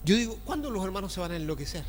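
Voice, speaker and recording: A man preaching a sermon as pastor, swinging between loud exclamations and low asides while asking his congregation questions. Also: sing-song, very fast, in a large hall. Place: church sanctuary.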